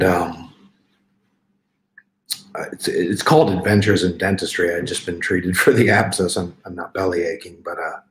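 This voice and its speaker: Slow, measured man reading poetry. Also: on the low side, reverberant. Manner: halting, filler-heavy asides between slow, measured reading. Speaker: poet reading his work.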